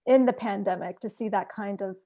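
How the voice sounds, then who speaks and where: A woman's voice: medium pitch, fairly quick. A woman speaking steadily in a casual discussion, stringing points together with fillers. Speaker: participant in an activist forum. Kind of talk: casual discussion on a video call. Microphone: video call. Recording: dull lo-fi video call audio.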